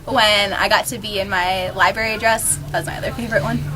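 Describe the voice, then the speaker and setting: A teenage girl, a high school actor, chatting animatedly in a casual interview. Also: fairly even intonation, brisk. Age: teens.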